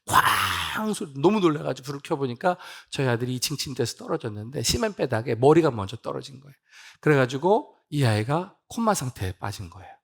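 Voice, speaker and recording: A man's voice: mid-range voice, very animated, fairly quick, vocal fry, a bit bright, slightly rough. A middle-aged man, a missionary, preaching a revival sermon and telling an emotional personal story, acting out the dialogue. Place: church sanctuary.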